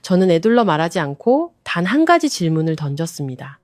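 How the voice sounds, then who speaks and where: A woman narrating a radio drama story in a calm, firm, measured way. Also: on the low side, dry recording, studio quality.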